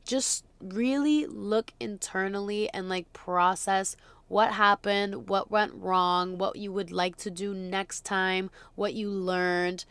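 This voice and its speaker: A woman's voice: mid-range voice, fairly even intonation, slow, fairly bright tone, clean tone, dry recording. A young woman hosting a casual solo podcast, talking to her viewers in a bubbly, informal, slangy way. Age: young adult. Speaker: podcast host. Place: inside a parked car.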